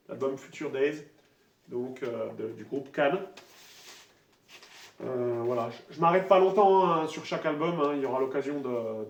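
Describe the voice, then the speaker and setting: A man casually presenting his vinyl records one by one, talking in a relaxed, halting way with many fillers. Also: medium pitch. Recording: roomy echo, voice a bit far from the mic.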